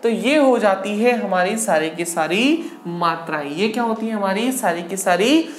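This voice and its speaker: A woman's voice: mid-range voice, expressive, normal speed, a little hiss or hum. Woman teacher going over exam prep, asks then answers herself over and over, roomy echo. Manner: drills with repeated questions and answers. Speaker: Hindi teacher. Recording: echoey room.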